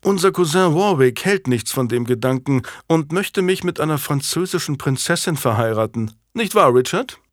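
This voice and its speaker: A man voicing a genial, self-assured young English king in an audiobook, speaking in a lively, smiling way. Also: on the high side, normal speed, hardly any pauses, no echo, clean studio sound, voice pushed up, close to an everyday voice. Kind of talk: audiobook character voice.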